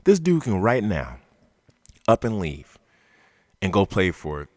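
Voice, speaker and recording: A man's voice: on the low side, sing-song, takes it slowly, no room sound, studio quality. A man hosting a sports podcast, ranting with passion and swearing freely as he argues his point. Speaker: podcast host. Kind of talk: heated sports talk rant. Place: basement studio.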